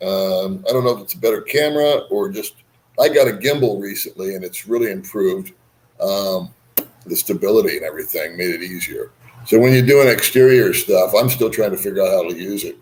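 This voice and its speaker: Man, lowish voice, livestream host, casual, rambling, easygoing banter. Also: a little fast, a little mellow, low-quality recording. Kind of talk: casual live chat, reading and answering viewer comments.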